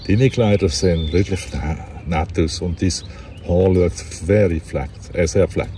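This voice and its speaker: A man's voice: low-pitched, steady tone, a little slow, warm tone, far from the mic, a little hiss or hum. A man with a Basel Swiss German accent voicing a brave, blunt young princess who delivers a dry put-down.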